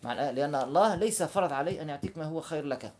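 A man giving an informal religious lesson, animated and quick, breaking into recited verses. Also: a little high, husky. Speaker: religious teacher.

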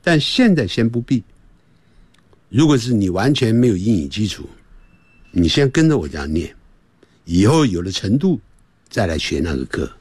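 A man giving a radio English lesson, repeating short phrases over and over and slowing right down to model the sounds. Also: fairly low pitch, very animated, a little mellow, slightly rough, no room sound. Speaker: English teacher.

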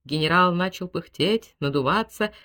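A woman's voice: fairly low pitch, normal speed, a bit bright. A woman reading a literary story aloud as an audiobook narrator, telling it expressively. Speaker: audiobook reader. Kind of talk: scripted narration.

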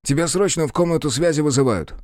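A man's voice: fairly high pitch, fast, a little mellow, dry recording, studio quality, voice pushed up, close to an everyday voice. A man voicing a brusque young male soldier delivering an urgent summons in an audiobook.

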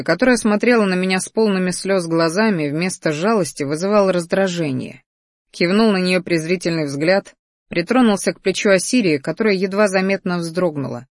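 An audiobook narrator reading a first-person fantasy romance in a steady, measured way. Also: medium pitch, dry recording, studio quality.

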